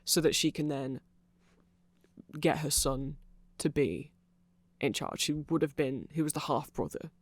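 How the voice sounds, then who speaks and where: Played for ASMR, a nerdy vampire shopkeeper talks casually with a friend, eagerly explaining things in a rambling, hesitant, excitable manner with apologetic touches. The voice is medium-pitched and heavy on fry, unhurried, and captured in a very dry recording.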